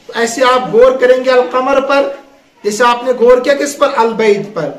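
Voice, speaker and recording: A man teaching an Arabic grammar lesson to a class, asking questions and having the students finish his sentences. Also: extremely high pitch. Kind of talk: classroom lesson with call and response. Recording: echoey room.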